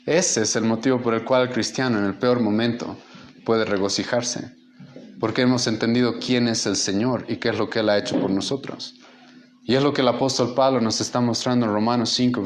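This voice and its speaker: A man's voice: mid-range voice, a little hiss or hum. A man preaching a sermon as pastor, impassioned and rising in volume for emphasis.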